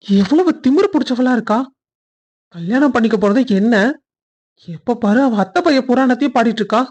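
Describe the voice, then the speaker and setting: A woman's voice: fairly high pitch, animated, moderate pace, darkish tone. A woman voicing a caring young man in a family cartoon, earnest and reassuring. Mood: scheming. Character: young man, caring groom and protective brother figure. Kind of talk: cartoon voice acting.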